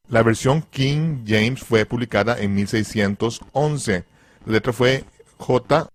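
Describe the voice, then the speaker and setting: A man teaches a religious lesson at a very slow, deliberate pace, sounding each letter out and repeating it. His voice sits at an ordinary middle pitch. The recording is dry and close, with no room sound around it. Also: dry recording.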